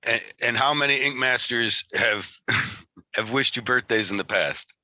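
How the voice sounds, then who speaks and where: A man's voice: mid-range voice, a little slow, pushed and bright, dry recording, rough recording. A man with a Michigan Great Lakes accent hosting a casual interview in a rambling, self-deprecating way. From Michigan, United States. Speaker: interview host.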